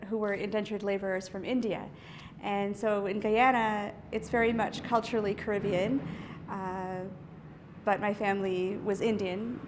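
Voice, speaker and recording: A woman's voice: mid-range voice, slight background noise. A woman artist from the US East Coast in a casual interview, talking thoughtfully with many fillers, restarts and light laughs. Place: indoor art studio.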